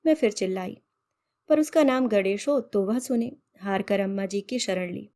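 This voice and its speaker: Woman narrating a story. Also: mid-range voice. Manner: expressive, measured storytelling. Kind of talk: read-aloud story narration.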